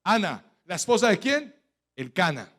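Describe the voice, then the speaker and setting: A Colombian man preaches in church in a fairly high voice. He drives his sermon with rhetorical questions and sharp emphatic stresses. He leaves gaps for the congregation to fill in his lines. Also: sing-song, normal speed. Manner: emphatic preaching cadence with sudden loud stresses. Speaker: pastor.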